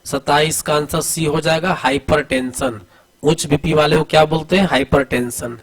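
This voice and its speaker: A somewhat high-voiced man teaches an exam-prep class from diagrams. He fires a question, answers it himself, then repeats it in a steady drill. He talks to his students as "beta" and keeps pushing them to answer quickly. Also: rough recording. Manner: addresses students familiarly, urging quick answers. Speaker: coaching teacher.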